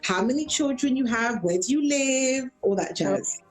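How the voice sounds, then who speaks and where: A woman interviewing a guest on a casual livestream, asking friendly, brisk questions. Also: sits high, lively intonation, soft background music, rough recording.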